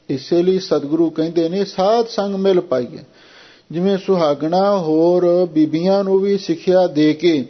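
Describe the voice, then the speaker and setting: A man giving a Sikh devotional sermon, slowly intoning scripture verses and then explaining them in plain talk. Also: on the high side, lo-fi sound.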